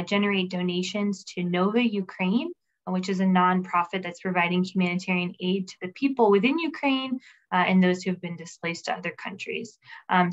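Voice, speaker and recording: A woman's voice: mid-range voice, fairly bright tone. A woman hosting a webinar, casually introducing the speaker over a video call. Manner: casual, with filler ums. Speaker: event host. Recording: dull video call audio.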